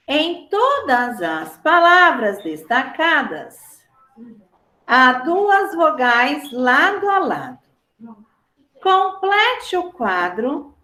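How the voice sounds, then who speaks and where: Woman teacher, Brazilian Portuguese accent, high and slow, patient, echoey room. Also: fairly bright tone. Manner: patient, drawn-out, repeats words for students. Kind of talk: slow classroom lesson, spelling out words.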